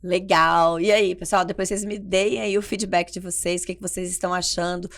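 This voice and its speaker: A woman's voice: lowish voice, fairly even intonation, fairly quick, fairly bright tone. A woman consultant co-hosting a podcast, talking energetically and emphatically, explaining with everyday examples. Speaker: family behavior consultant and podcast co-host. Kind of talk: conversational podcast talk.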